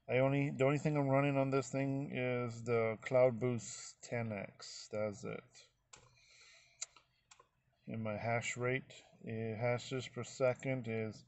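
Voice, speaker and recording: A middle-aged man with a medium-pitched, darkish voice casually vlogs a screen-recorded walkthrough of his phone, rambling in a folksy way. There's no room sound.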